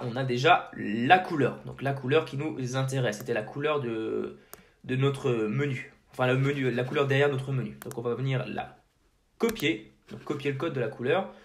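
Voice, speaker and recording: A man hosts a screen-recorded tutorial in a casual, direct way, talking to the viewer as a friend. He talks at a middling pitch. He pads his steps with small fillers and restarts. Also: moderate pace. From French-speaking. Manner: casual, addresses the viewer as tu, many fillers like donc and euh. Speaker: tutorial host.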